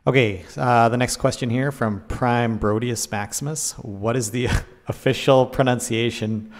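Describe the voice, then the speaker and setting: A man's voice: mid-range voice, steady tone, unhurried, in a large hall. A man hosting a game stream, reading community questions aloud in a light, joking way. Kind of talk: casual panel chat.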